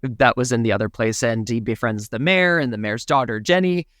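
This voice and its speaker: A man co-hosting a podcast, narrating a film's plot in a playful, animated way with jokes along the way. His voice sits in a middle register, and the recording is dry and close. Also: medium pitch, fairly quick, no echo. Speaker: podcast co-host. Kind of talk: casual film recap chat.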